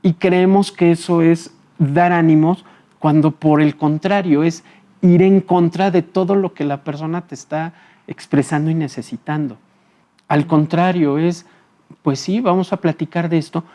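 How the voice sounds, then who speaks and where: A man with a dark, mellow voice talks as a psychologist guest. He explains in a calm, patient way, pauses on filler words and checks that his listener follows him. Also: a little high. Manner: frequent filler hesitations. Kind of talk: explanatory interview talk.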